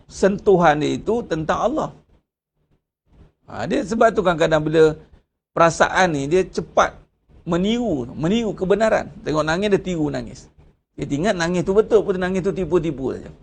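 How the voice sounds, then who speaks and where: A man's voice: sits high, lively intonation, moderate pace, gravelly, pauses often, husky. A man with a Malaysian Malay accent giving a Ramadan religious lecture, preaching conversationally with rhetorical questions. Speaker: religious teacher.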